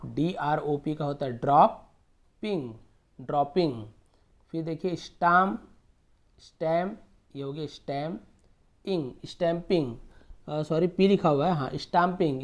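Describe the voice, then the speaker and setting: Indian man slowly spelling out words. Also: a little high. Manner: slow, repeats words and spells out letters. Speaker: English teacher. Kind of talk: spelling and pronunciation lesson.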